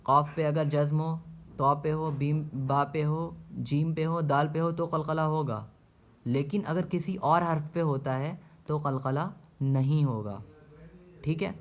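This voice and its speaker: A male Quran reading teacher with a fairly high voice, working through a step-by-step recitation lesson. He stretches out each letter deliberately and repeats short syllables again and again so learners can follow. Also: steady tone. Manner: drills single syllables, repeating each several times; drawn-out, deliberate pronunciation of letters.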